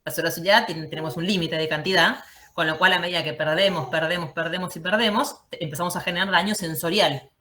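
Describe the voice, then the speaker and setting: A woman lecturing over a video call. Her voice sits fairly low but sounds bright and clear. She explains patiently and keeps asking "¿sí?" to check that the students follow. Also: fast talker. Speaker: teacher. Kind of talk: online class lecture.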